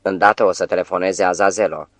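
A man's voice: low-pitched, steady tone, no room sound, lightly acted. A man voicing an exultant young woman newly turned witch, staying close to his own reading voice.

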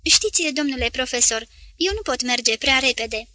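A woman's voice: sits high, lively intonation, pushed and bright. A woman reading aloud, voicing a timid young schoolboy with a clubfoot who pleads in fear. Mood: shy. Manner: pleading, frightened.

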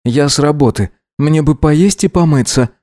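A man's voice: fairly high pitch, warm tone, no echo, studio quality, pitched above the performer's own voice, lightly acted. A man voicing a prickly, broke young male student who snaps and throws insults in an audiobook drama. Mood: grudging, annoyed. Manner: snappish, indignant, quick to insult.

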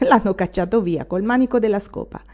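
A woman's voice: mid-range voice, a little fast, dark tone, highs cut off, lightly acted. A woman voicing a tipsy, ragged old village woman who gossips in a wheedling way. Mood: gossipy.

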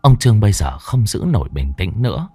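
A man narrating a horror story with expressive, dramatic pacing. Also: fairly low pitch, fairly quick, husky, dry recording.

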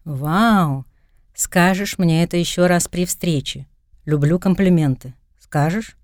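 A woman's voice: fairly low pitch, takes it slowly, a little mellow, dry recording, clean studio sound. A woman voicing a confident, playful young male New York cop in an audiobook. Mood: teasing. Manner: playful, self-assured.

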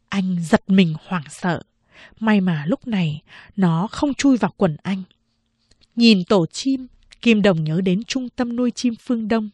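A woman narrating a novel in a steady, measured storytelling manner on a close microphone. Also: medium pitch, slightly rough, no room sound. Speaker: audiobook narrator.

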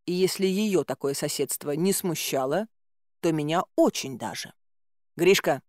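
A woman's voice: low-pitched, lively intonation, moderate pace, a little mellow, no room sound, clean studio sound. Woman reading a wry fairy-tale audiobook. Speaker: audiobook narrator. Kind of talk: first-person audiobook narration.

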